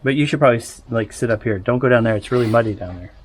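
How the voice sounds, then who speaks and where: A man's voice: medium pitch, very fast, a little hiss or hum. A man chatting casually in a vlog from the crawlspace under a house, joking and making fun of himself. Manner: joking, self-mocking. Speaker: homesteading vlogger.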